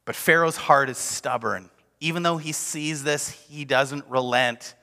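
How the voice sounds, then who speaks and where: A man's voice: mid-range voice, a little slow, pushed and bright, big-room sound. A man preaching a sermon, emphatic and driving home repeated refrains. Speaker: pastor.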